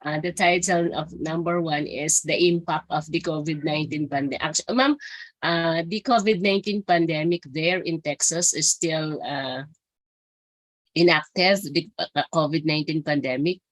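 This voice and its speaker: Low, hoarse woman adviser, dry sound. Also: moderate pace, dry recording. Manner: polite and deferential, addressing others as ma'am. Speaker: academic adviser reviewing proposals. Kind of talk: questioning a presenter on a video call.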